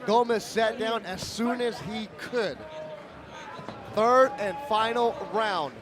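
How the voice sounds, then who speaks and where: A man's voice: high voice, takes it slowly. A man calling a live fight as play-by-play announcer in sports commentary style. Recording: live fight with crowd behind.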